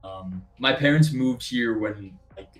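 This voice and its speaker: Faint music plays in a roomy-sounding recording as a young man from Canada co-hosts a trading stream. His medium-pitched, fairly bright voice moves at a measured pace, and his chatty talk is full of fillers and frequent laughter.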